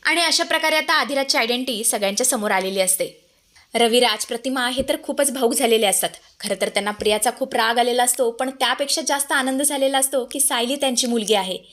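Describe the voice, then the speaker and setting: High bright woman narrating a recap. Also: fast. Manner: dramatic storytelling. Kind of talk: scripted story narration.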